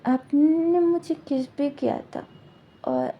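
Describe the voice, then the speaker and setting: A woman's voice: sits high, huge pitch swings, slow pace, lo-fi sound, voice pushed up, heavily acted. A woman voicing a nervous, flustered young male student who pleads and protests.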